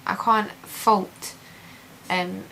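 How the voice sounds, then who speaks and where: A woman's voice: medium pitch, level tone, extremely slow, gravelly, bright, forceful tone, rough recording. A woman giving a casual video diary update, chatty and positive in an informal, conversational way. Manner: chatty, repeats intensifiers, positive and reassured. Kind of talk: casual chat to camera. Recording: hissy home recording.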